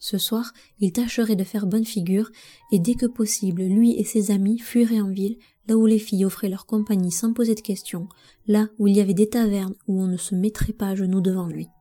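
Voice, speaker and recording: A woman narrating a novel as an audiobook in an expressive, measured way. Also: mid-range voice, soft background music. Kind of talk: scripted narration.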